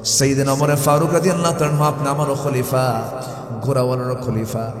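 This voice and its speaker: A man preaching a sermon with fervent storytelling that rises to loud, emphatic peaks. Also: medium pitch, fairly even intonation, fast talker. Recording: echoey hall reverb.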